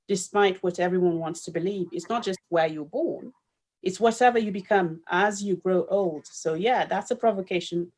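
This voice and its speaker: A woman's voice: medium pitch, darkish tone. Thoughtful woman historian, raised. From Cameroon, raised in Paris. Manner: thoughtful, searching for words with fillers. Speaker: historian and author. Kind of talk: conversational discussion.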